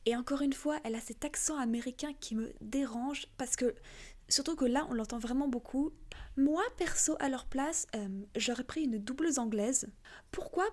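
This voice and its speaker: A woman's voice: high voice, a little mellow. A woman giving frank, chatty opinions in a casual vlog, with many fillers. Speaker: video creator.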